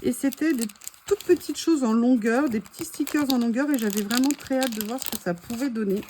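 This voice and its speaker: Gushing French woman, mellow voice. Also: on the high side, fairly quick, a little hiss or hum. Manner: enthusiastic, gushing, repeats words. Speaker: haul vlogger. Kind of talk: casual haul chat, reading quotes aloud.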